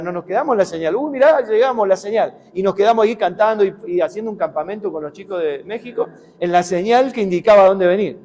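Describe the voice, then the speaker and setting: A man's voice: high-pitched, a little mellow. A man preaching a sermon with a Rioplatense accent, talking conversationally with rhetorical questions and anecdotes. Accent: Rioplatense Spanish. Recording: long hall reverb.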